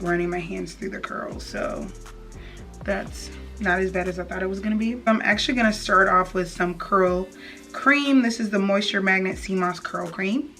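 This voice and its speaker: With a medium-pitched, fairly bright voice, a young woman gives a casual, playful hair tutorial in slangy beauty-vlogger style. The setting is an indoor room with a plain wall behind her, and the mic sits a bit far off, with faint music playing.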